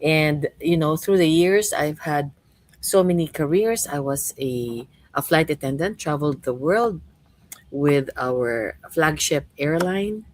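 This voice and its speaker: A woman's voice: low-pitched, lively intonation, slow pace, darkish tone, low-quality recording. A middle-aged woman from the Philippines hosting a podcast chat as a coach, chatty and full of "you know" and "right?" tags. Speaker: host and coach.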